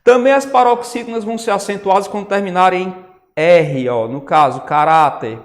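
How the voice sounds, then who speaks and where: Man, grammar teacher, fairly high voice, long reverb, patient explaining, frequent check-ins. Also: normal speed. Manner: explanatory, says "né?" and "ó" often. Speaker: Portuguese teacher. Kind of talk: online lecture on grammar. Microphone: writing on a tablet while talking.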